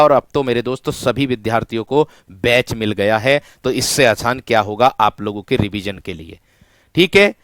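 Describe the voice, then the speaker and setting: A man teaches an online exam-prep class with a clear, smooth voice. He repeats every point, keeps asking his students questions and answers them himself, and keeps calling them his friends. The sound is dry, close and free of room echo. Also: mid-range voice, fairly bright tone. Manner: repetitive call-and-response questioning, addressing students as friend.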